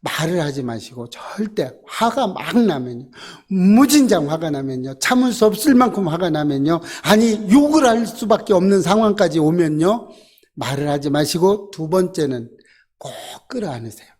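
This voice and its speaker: A man, a pastor, preaching a Wednesday sermon in church, repeating short commands and swinging from loud exhortation to hushed asides. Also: sits high, animated, normal speed. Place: church sanctuary.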